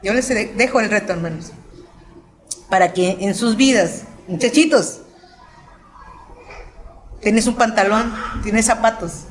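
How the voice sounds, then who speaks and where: A woman with a Mexican accent giving a missionary testimony in church, telling her stories in a lively way and acting out what people said. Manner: animated storytelling, acting out quotes in a high voice. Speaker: missionary speaker.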